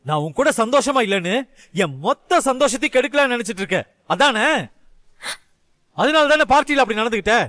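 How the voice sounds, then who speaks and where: A man's voice: extremely high pitch, lively intonation, a little fast, long pauses, a bit bright, no room sound. An actor dubbing an angry young husband who harshly accuses his wife, in a dry studio voice-over. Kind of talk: Tamil serial dub acting.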